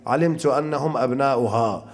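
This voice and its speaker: A man preaching a religious lecture, telling a story and reciting verse in a measured, drawn-out way. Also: mid-range voice, in a large hall.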